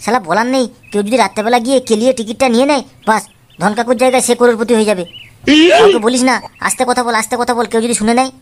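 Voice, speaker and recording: A woman's voice: fairly high pitch, fairly even intonation, racing, natural voice. A woman voicing a timid boy sidekick in a cartoon, who talks in a nervous, whiny way. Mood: secretive.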